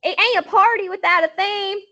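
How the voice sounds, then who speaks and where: A woman's voice: brisk, bright, forceful tone. A woman doing a squealy bossy little girl. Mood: eager. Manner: high, squealing, insistent. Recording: dull lo-fi audio.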